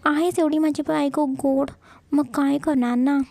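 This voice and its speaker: A woman's voice: high voice, steady tone, unhurried, vocal fry, mellow, no room sound. A woman voicing a playful, doting young husband in a romance story. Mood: teasing. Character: young husband, teasing and affectionate.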